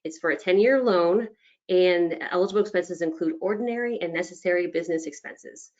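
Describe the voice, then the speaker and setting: A woman giving a brisk webinar presentation for a state agency, with frequent ums and restarts. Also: lowish voice, a little mellow. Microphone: video call. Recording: dull lo-fi online call audio.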